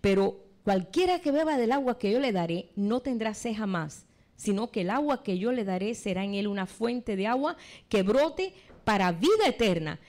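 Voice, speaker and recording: A calm, gentle Jesus speaking in measured words, as a woman preacher quotes him in her sermon. Her voice stays lively in pitch even as she reads his lines. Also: natural voice. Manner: calm, measured quoting of scripture. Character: calm adult male Jesus, gentle teacher.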